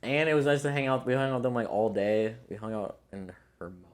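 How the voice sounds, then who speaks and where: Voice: medium pitch, fast talker. A young podcast co-host in casual chat, telling stories with jokes. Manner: joking, animated storyteller.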